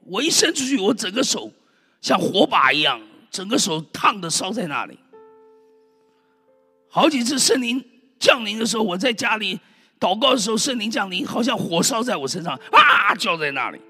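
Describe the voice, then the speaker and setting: Animated, bright-voiced male preacher. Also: high-pitched, moderate pace, breathy edge. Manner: emphatic, exclaims and calls out to the congregation. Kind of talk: fervent sermon. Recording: reverberant hall with faint music.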